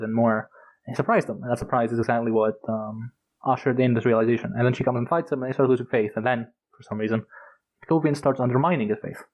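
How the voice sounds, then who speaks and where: A man's voice: mid-range voice, darkish tone, rough recording. A man co-hosting a podcast, retelling book scenes in a casual, rambling and enthusiastic way, with lots of fillers and the odd swear word. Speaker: podcast co-host.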